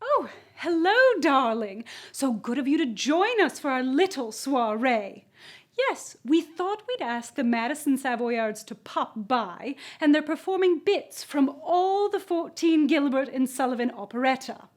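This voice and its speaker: A woman's voice: high voice, lively intonation, measured pace. A woman hosting a musical soiree with a gushing, affected manner, dropping French phrases as she introduces the performers. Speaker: host of a musical evening. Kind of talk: theatrical hostess introduction.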